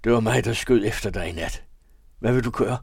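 A man's voice: fairly low pitch, vocal fry, husky, no room sound, studio quality. A man voicing a desperate, remorseful young man who pleads in a raised voice while reading a novel aloud.

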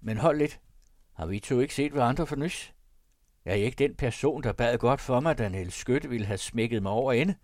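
A man reading aloud and voicing a sly, rough poacher of the heath who talks in a wry, folksy way. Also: medium pitch, darkish tone, dry recording, studio quality, voice pushed up, lightly acted. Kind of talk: audiobook character voice.

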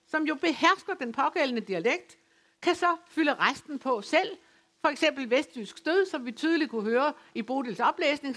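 A woman from West Funen giving an academic lecture, speaking in a measured, explanatory way with occasional hesitations. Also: high-pitched, a bit bright. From West Funen, Denmark. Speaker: lecturer on dialect literature. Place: folk high school lecture venue.

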